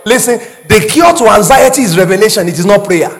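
A man preaching a sermon to a congregation, calling for responses and often shouting. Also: high-pitched, animated, fast, long reverb tail. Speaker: pastor.

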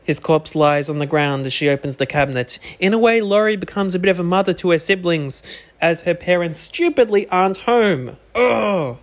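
A man's voice: high-pitched, fairly quick. A man co-hosting a podcast, casually recapping a horror film with jokes and casual swearing. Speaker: podcast co-host.

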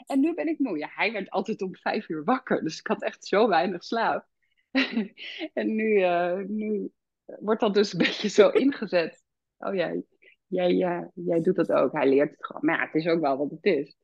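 Gravelly-voiced woman, reflective and candid. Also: lowish voice, a little slow, no room sound, dull audio. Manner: reflective, many fillers, animated when quoting her child. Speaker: podcast guest, founder and midwife. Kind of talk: candid conversational interview.

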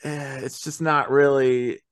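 A man co-hosts a podcast reviewing an audio drama, chatting casually in a rambling, opinionated way and often quoting his own thoughts. His mid-range voice is smooth and flat, and he takes his time.

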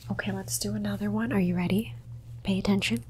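A woman whispering an ASMR roleplay in a soft, teasing and playfully bossy way. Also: mid-range voice, fairly even intonation, fast, slight background noise. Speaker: ASMR creator.

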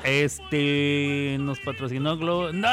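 A man's voice: medium pitch, animated, a little slow. A man with a Mexican accent hosting a radio show, chatting playfully and teasing listeners as he reads their comments. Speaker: radio host. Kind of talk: casual radio chat. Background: music.

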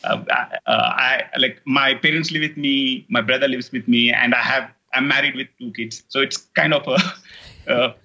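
In a relaxed interview, a middle-aged Indian guest who builds online courses speaks with an Indian English accent, Telugu being his first language. His medium-pitched voice is steady, bright and forceful with some vocal fry, paced normally, while he rambles with fillers and restarts. The highs are cut off.

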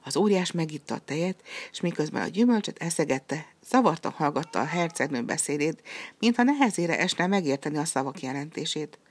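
Brief: woman storyteller, measured fairy-tale narration, deep breathy tone. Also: lively intonation.

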